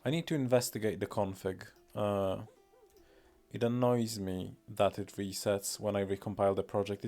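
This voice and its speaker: Speaking with a Polish accent in a voice on the low side and a little mellow, a native Polish speaker from Poland chats through a casual live stream. He rambles, leaning on fillers and poking fun at himself.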